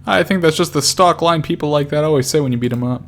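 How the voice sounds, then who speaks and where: A man's voice: a little high, fast, fairly bright tone. Young man reading a visual novel aloud. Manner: joking, profane asides. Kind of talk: casual game stream reading and banter.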